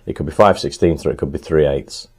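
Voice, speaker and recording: Working on motorcycles, a channel host chats to the camera in his home workshop and thinks aloud as he goes, with lots of ums. He's a little hoarse and clears his throat, and his voice is a rumbling, darkish low at a quick pace.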